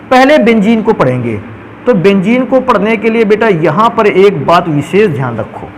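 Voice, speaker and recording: High-pitched male chemistry teacher, quizzing his class and answering himself, over faint background noise. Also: rough recording. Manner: asks questions and answers them himself. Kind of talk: classroom lecture.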